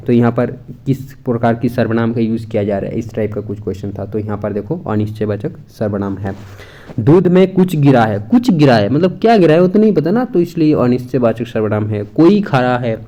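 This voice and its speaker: Mellow-voiced man teaching exam grammar. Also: medium pitch. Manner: chatty, repeats points, mixes English words. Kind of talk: exam-prep grammar lesson.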